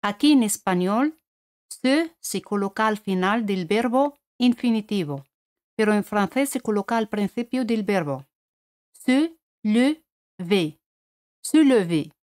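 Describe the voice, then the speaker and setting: A woman with a Spanish accent from Spain giving a scripted French lesson, speaking clearly and repeating each French word. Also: mid-range voice, animated, moderate pace, darkish tone. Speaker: French teacher.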